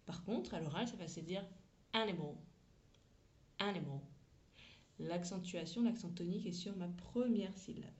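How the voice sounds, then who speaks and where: A woman's voice: on the low side, moderate pace, few pauses, dark tone, muffled recording. A woman who teaches English, talking through a lesson in a chatty, frank way with slang and asides. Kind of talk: casual teaching monologue.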